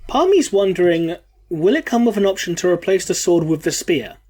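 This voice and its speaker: Stuffed up with a cold, a male podcast host keeps the casual chat light, joking and laughing frequently. He speaks fairly quickly in a high-pitched voice with lively intonation and a dark tone.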